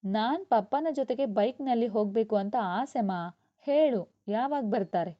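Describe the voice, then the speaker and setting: A woman's voice: fairly high pitch, a little slow, lightly acted. A stubborn little girl, as a woman reading a storybook puts her on, whining and pleading or teasing cheekily in a slightly raised voice. The sound is a bit dull and lo-fi. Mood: whiny.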